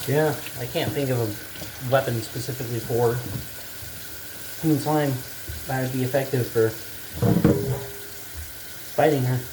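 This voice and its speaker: A man's voice: medium pitch, steady tone, a little slow, long pauses. A man giving rambling, unscripted game commentary, thinking aloud in a casual, hesitant and bluntly sweary way. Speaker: gaming video maker. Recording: clear background noise like running water.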